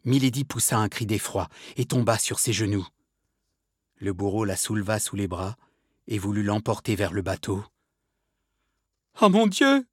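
Steady male audiobook narrator. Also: lowish voice, normal speed, breathy edge, no echo, studio quality. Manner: steady, literary storytelling. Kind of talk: audiobook narration of a classic novel.

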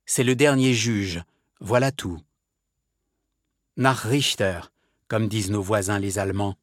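A man voicing a grim male executioner in a storybook reading, slow and grave. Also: on the low side, steady tone, no echo, clean studio sound.

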